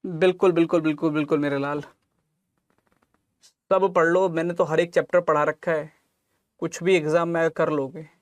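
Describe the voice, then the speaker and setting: A man's voice: on the high side, level tone, moderate pace, pauses often, no room sound. A man teaching exam reasoning online, working through calculations step by step and fondly calling students lalla and mere lal, mixing English terms into his talk. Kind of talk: online exam coaching lesson.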